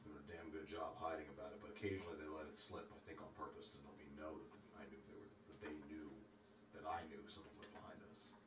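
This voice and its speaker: A man's voice: very deep voice, little pitch movement, fast talker, a bit bright, echoey room, slight background noise, voice pushed down. A man voicing a wary, terse ranger in a tabletop game, with understated delivery. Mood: wary, quiet.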